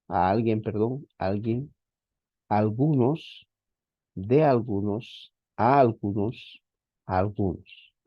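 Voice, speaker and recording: A fairly low-voiced man gives an online grammar lesson. He is patient, repeats points and keeps checking in with his students. The sound is dry and a little dull, as from a plain lo-fi mic. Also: dry recording. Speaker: Greek teacher. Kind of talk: online class lecture.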